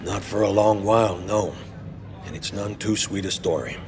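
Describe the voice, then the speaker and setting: A man acting a worldly, matter-of-fact bartender in a video game. His voice is fairly low and his storytelling laconic and wry, over clear music. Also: fairly even intonation, moderate pace, close to an everyday voice. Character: worldly, matter-of-fact male bartender recalling rough days.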